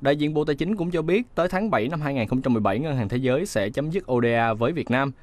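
A man reading a scripted news voice-over in a steady, measured way. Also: mid-range voice, dry recording. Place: studio booth.

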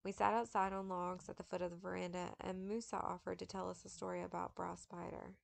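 A woman reading a memoir aloud in a steady, measured manner, with occasional slips. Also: lowish voice, creaky. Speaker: audiobook reader.

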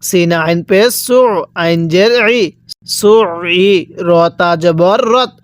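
A man with a Bangladeshi Bengali accent teaching Quran reading. He spells out each letter and vowel mark, then says the word slowly and repeats it. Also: high voice, smooth, no room sound, studio quality. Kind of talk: drilled recitation lesson.

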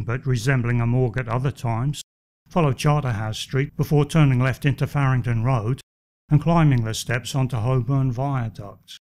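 A man giving scripted walking-tour narration, measured with a dry wit. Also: mid-range voice, darkish tone.

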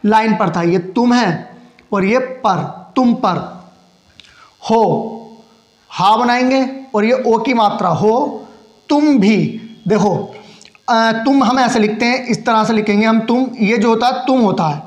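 A man with a very high-pitched voice gives a patient, step-by-step tutorial. He keeps asking the class a question and then answering it himself while he writes. His voice rings around an echoey room. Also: takes it slowly. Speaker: shorthand teacher.

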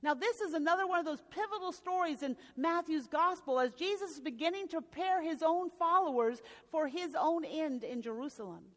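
A woman pastor delivers a storytelling sermon in a high voice. Her words ring out through a church with a long reverberation tail. She sometimes stops and restarts a phrase. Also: lively intonation, a little fast, few pauses. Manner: storytelling preaching with occasional restarts. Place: church sanctuary.

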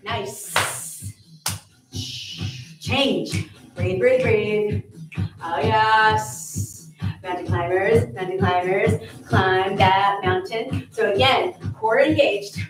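A woman's voice: medium pitch, slow pace. A woman fitness instructor calling out counts and cues in short, punchy, encouraging commands with upbeat energy. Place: indoor fitness studio with wooden floor. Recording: distant echoey studio with music playing. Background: workout music.

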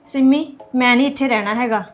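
A woman's voice: a little high, quick pace. A woman acting in a family drama, complaining and indignant. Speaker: actor in a family drama, an elder daughter-in-law.

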